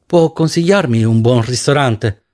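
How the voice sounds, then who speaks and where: A man's voice: medium pitch, a little slow, a little mellow, close to an everyday voice. A man voicing a shaken, wounded grown man who mutters to himself with grim determination.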